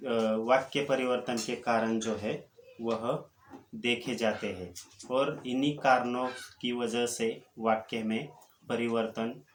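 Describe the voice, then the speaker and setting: Slow, deliberate man lecturing, echoey room. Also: medium pitch, fairly even intonation. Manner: deliberate, pauses often with fillers. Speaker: college Hindi lecturer. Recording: echoey room with faint noise.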